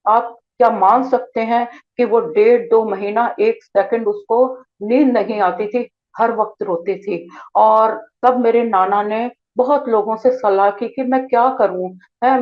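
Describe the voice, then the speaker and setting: An older woman from Jammu telling a family story in an earnest, explanatory way, stopping to clarify her words. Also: on the high side. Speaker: storyteller sharing a family experience. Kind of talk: spoken personal storytelling. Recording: slightly dull lo-fi recording.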